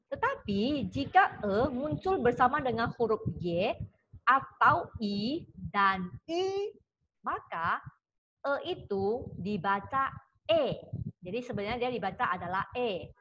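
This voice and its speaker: A woman with a slightly high voice gives a language lesson in a patient, reassuring way and often repeats the example sounds. The recording is dull and lo-fi with a faint hiss underneath. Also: fairly bright tone. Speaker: Mandarin teacher.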